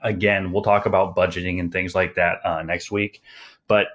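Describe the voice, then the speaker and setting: Speaking at normal speed in a low, slightly bright voice with little pitch movement, a young high school teacher runs a recorded online class. He rambles, slightly breathless, filling gaps with "um" and "you guys."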